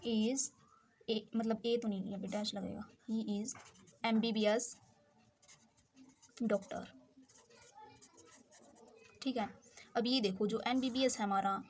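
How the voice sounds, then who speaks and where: Higher-pitched woman teaching grammar slowly. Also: a little hiss or hum. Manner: slow, repetitive explaining with frequent check-ins. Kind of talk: explaining with examples in Hindi.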